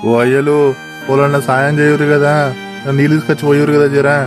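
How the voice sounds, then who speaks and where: Man playing a brisk, reassuring village helper. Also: fairly high pitch, completely flat delivery, over music, lightly acted. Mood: urging. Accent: Telangana Telugu. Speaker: helpful villager. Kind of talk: village comedy-drama acting.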